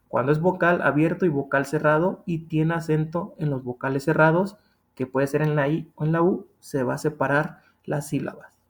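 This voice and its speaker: A man with a Mexican accent teaching a grammar lesson, patient and repetitive, often checking in with "ok?". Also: fairly high pitch. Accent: Mexican Spanish.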